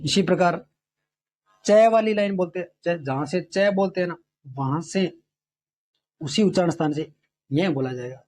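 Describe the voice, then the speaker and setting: A man's voice: high voice, a little mellow, soft background music. A man teaching a Hindi grammar lesson for exam preparation, explaining step by step and often checking in with his students. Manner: repeats sounds slowly to demonstrate them.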